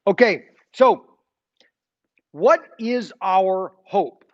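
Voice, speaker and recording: Speaking very slowly but with animation, a man in his sixties leads a casual Sunday school Bible lesson in a voice that sits high. He wanders from point to point, often pausing to ask "okay?", on a lo-fi recording.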